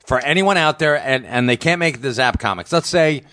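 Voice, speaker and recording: A man's voice: mid-range voice, expressive, a little fast, bright, forceful tone, no echo. A man co-hosting a casual podcast, teasing and throwing in heckles. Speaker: podcast co-host. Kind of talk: casual chat.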